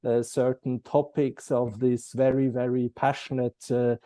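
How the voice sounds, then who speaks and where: A man, giving formal, measured answers as an interview guest. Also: medium pitch, little pitch movement, mellow, dry recording. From German-speaking Switzerland. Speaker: guest, compliance expert.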